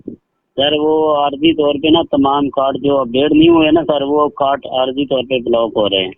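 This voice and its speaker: A man, heard over a phone line, posing as a bank officer and pressing the other person for card details in a smooth, insistent way. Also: a little high, huge pitch swings, moderate pace. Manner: smooth, insistent, repeats "ji ji" to keep the caller going. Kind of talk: phone call. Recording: tinny phone call recording.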